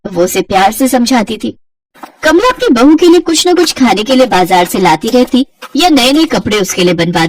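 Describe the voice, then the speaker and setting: Brief: female storyteller, fairly high, husky, recorded at a distance. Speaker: narrator. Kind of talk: scripted storybook narration.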